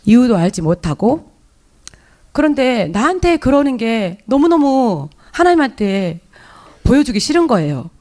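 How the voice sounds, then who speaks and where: A church member with a Jeolla Korean accent testifies about her faith before the congregation in an emotional, confessional way. Her fairly high, darkish voice is very animated yet unhurried, and she hesitates with fillers and restarts.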